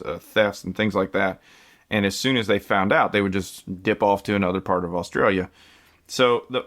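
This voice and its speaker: A man's voice: fairly low pitch, fairly bright tone. A man from the US hosting a podcast, telling a true-crime story in a casual, conversational way with many fillers and restarts. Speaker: podcast host.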